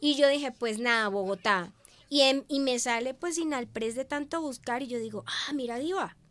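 A woman from Venezuela, a guest in an interview, telling her story in an expressive, emotional way and acting out her own past words. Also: a little high, normal speed, no echo. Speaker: guest, media professional.

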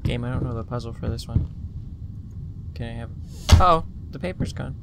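A man giving casual, jumpy commentary while playing a horror game, mumbling, swearing, and shouting at the game. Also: mid-range voice, normal speed, creaky. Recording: loud background noise.

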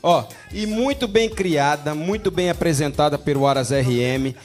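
A man's voice: on the high side, moderate pace, a little mellow. A Brazilian man doing live auction commentary, listing details and repeating phrases. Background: music.

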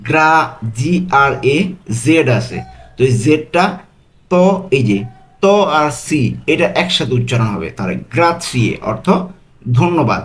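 A man teaching a quiz-style language lesson, repeating each phrase and saying the foreign words very slowly and carefully. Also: on the high side, animated, a bit bright.

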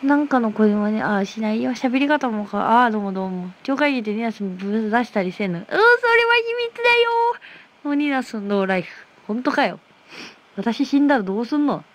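A woman with a high-leaning voice and a fast pace hosts a relaxed livestream from her phone. She reads out viewers' comments and fires back teasing, playful answers.

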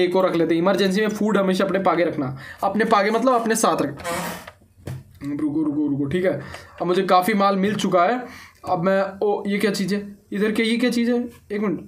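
A young man giving casual let's-play commentary on a block-building game, chatty and excitable, often repeating words in rapid bursts. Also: high voice, a little hiss or hum. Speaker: gaming YouTuber.

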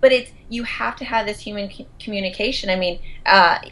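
A woman's voice: medium pitch, fairly quick, fairly bright tone. Woman in her 30s, photo business consultant, gushy and chatty, keeps restarting sentences. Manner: chatty and effusive, talks at length with frequent restarts. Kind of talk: casual interview conversation.

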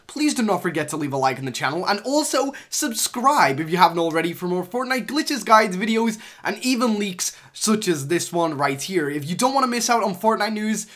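A man's voice: high voice, lively intonation, brisk, few pauses, a bit bright. A young man casually talking through gaming news for his channel, chatty and rambling, with frequent fillers and restarts. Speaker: gaming YouTuber. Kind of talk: casual game news commentary.

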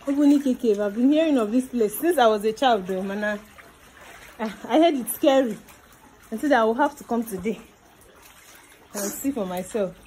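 A young Nigerian woman with a slightly high voice talks the viewer through her trip, exclaiming often and chatting freely. She sounds like a casual travel vlogger out on the trail, with a faint hiss of noise under her voice. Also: normal speed, pauses often, warm tone, rough recording. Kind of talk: casual travel vlog narration. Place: inside and around a cave and riverside outdoors.

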